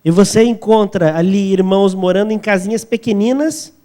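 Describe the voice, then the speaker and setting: Interpreting a sermon phrase by phrase, a Brazilian-accented man sometimes pauses to find the right words. His voice sits high and sounds mellow.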